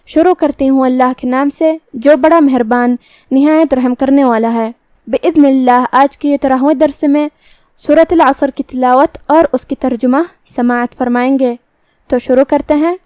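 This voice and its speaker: A woman teaching Quran recitation rules, calmly and methodically explaining how each letter is sounded. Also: high voice, no room sound. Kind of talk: tajweed lesson.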